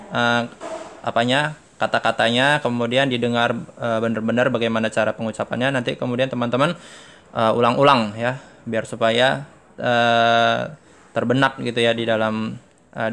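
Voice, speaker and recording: Indonesian man, casual teacher voice, slow deliberate reads, relaxed explaining. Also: mid-range voice, creaky. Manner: slow, drawn-out reading of dialogue lines, then relaxed explaining with fillers. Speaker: Arabic teacher. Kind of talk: casual online lesson.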